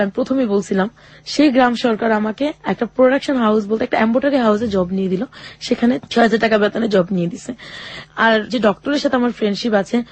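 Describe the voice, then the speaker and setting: A woman relates her difficult life in an interview, her pitch fairly high and her speech hesitant yet sincere. She regularly quotes what others said to her, and the recording is dry.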